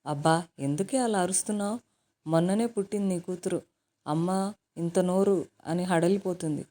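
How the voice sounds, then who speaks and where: An affectionate middle-aged mother who fusses over and teases her grown daughter, voiced by a woman narrator. Her voice sits low and mellow. She speaks warmly and lightly, close to a read-aloud tone. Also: normal speed, close to an everyday voice. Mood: fussing. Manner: affectionate, teasing.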